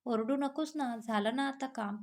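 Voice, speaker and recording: A woman's voice: a little high, normal speed, lightly acted. A woman voicing a feverish, worn-out young woman who speaks weakly. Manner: weak, tired speech.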